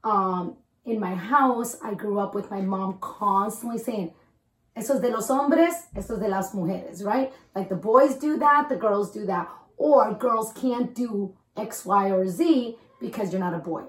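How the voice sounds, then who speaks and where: A woman's voice: mid-range voice, unhurried. A woman from El Salvador hosting a podcast, talking candidly and conversationally and slipping in Spanish phrases. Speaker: host. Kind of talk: casual podcast chat. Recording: echoey room.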